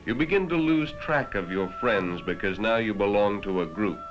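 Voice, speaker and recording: This is a man with a lowish, expressive voice, speaking at a moderate pace on a rough recording. He's American and reads scripted narration straight to the listener in the grave, dramatic, moralizing style of a 1960s educational film. The audio is a vintage 1960s film soundtrack with prominent music behind him.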